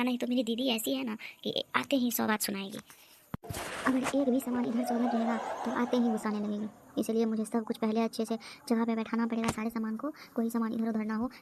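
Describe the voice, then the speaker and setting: A woman voicing an anxious, hardworking young housewife in a comedy cartoon, talking in hurried, worried chatter. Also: a little high, gravelly, background noise. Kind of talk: cartoon voice acting.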